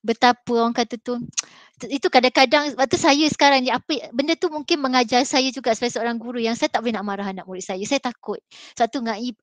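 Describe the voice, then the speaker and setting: A middle-aged mathematics teacher from Malaysia addresses a school panel in a little high voice, recorded with no echo. Her motivational talk centers on an earnest personal story, told in a Malay accent with plenty of fillers.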